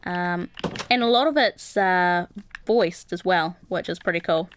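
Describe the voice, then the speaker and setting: A woman's voice: on the low side, a little slow, slight background noise. A young woman streaming a game, chatting casually with viewers and reading their comments aloud, with plenty of ums and uhs. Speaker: gaming livestreamer. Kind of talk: casual live-stream chat while playing.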